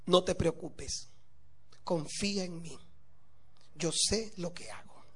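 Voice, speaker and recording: A man voicing a calm, confident young husband who speaks slowly and softly in a reassuring way. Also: high-pitched, voice pushed down. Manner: slow, soft, reassuring.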